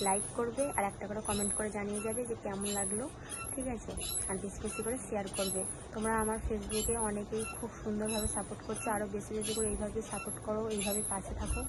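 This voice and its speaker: A young woman with a cold and a sore throat, chatting softly to her viewers at home as a family vlogger. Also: mid-range voice. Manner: soft-spoken, talking quietly while her baby sleeps. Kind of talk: casual chat to viewers. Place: at home indoors. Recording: noisy home recording.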